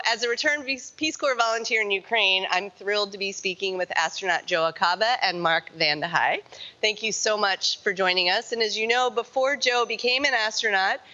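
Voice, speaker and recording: A woman's voice: medium pitch, sharp tone, lo-fi sound. A woman hosting a live link-up event as a representative, upbeat and chatty. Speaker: event host, Peace Corps representative.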